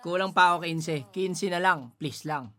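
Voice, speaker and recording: A man giving casual gaming commentary, excitable, pleading and shouting at the game as he plays. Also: fairly high pitch, measured pace, faint music behind. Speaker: gaming streamer.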